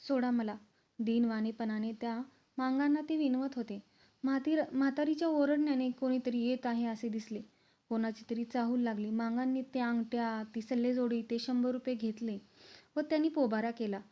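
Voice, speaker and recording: A woman reads a classic literary story aloud with steady, expressive storytelling. Her voice is somewhat high. The recording sounds slightly dull and lo-fi. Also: normal speed. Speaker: narrator reading a classic book. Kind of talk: literary book reading.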